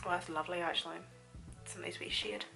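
A woman's voice: fairly low pitch, quick pace, vocal fry, faint music behind. A woman chats informally and animatedly through a casual makeup tutorial. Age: 20s. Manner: informal, chatty, animated storytelling. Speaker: beauty vlogger. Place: small room at home, indoors.

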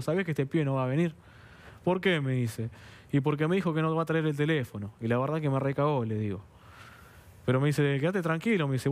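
With a slightly high, somewhat mellow voice, a Buenos Aires man being interviewed in a TV studio relates events vehemently in his local Spanish accent. He plays out the dialogue and keeps checking "understand?".

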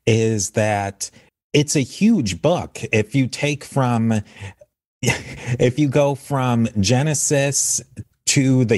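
A male host of a history podcast reads thanks to his supporters before chatting earnestly and casually with a guest, his speech dotted with fillers and restarts. He has a medium-pitched, darkish voice. The recording is dry and the studio sound clean.

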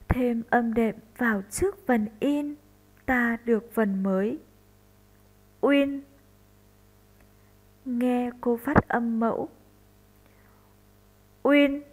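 A woman who teaches primary school, from northern Vietnam, gives a slow recorded lesson to first graders, spelling out sounds deliberately. Her voice is on the high side, and the audio is poor.

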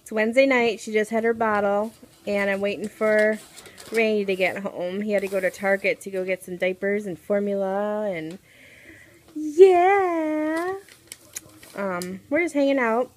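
A woman's voice: mid-range voice, unhurried. A young woman chatting casually to a phone at arm's length in her living room, talking about her evening. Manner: chatty, relaxed, speaks softly to camera. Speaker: family vlogger. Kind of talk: casual home vlog. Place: living room at home, indoors.

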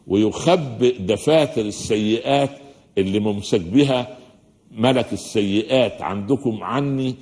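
An Egyptian-accented man delivers a religious lecture to an audience in a hall. He talks quickly, switching between formal phrasing and colloquial asides and often stopping to ask the room a question. His voice sits at a plain middle pitch for a man. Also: darkish tone. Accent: Egyptian Arabic. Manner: fast-talking, says listeners are used to his speed; mixes classical and colloquial speech, asks the audience questions. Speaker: preacher giving a lecture.

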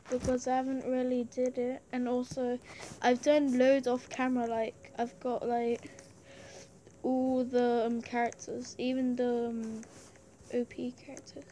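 A woman's voice: high-pitched, steady tone, unhurried, warm tone. A young girl rambling through casual gameplay commentary, full of "like" and "um", over faint background noise. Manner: rambling, many fillers. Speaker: let's play host.

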